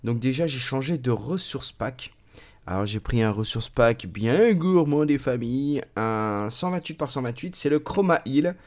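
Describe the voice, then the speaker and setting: This is a man talking through his own gameplay in a relaxed, chatty way. He fills pauses freely, and his voice jumps up and drops down in pitch and loudness as he goes. His pitch sits in the middle range for a man. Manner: chatty, playful, with many fillers and swings in pitch and loudness. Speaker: let's play host. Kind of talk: casual gameplay commentary.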